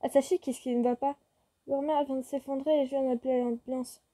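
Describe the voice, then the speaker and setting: A woman voicing a frightened, gentle young man from a romance game. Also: high voice, flat delivery, fairly quick. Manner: shaky, pleading.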